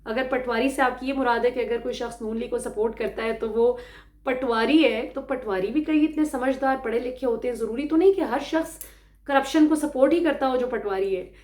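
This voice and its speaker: A woman's voice: a little high, a little mellow, reverberant. A woman from Pakistan giving emphatic, indignant political commentary to her viewers, often switching into English phrases.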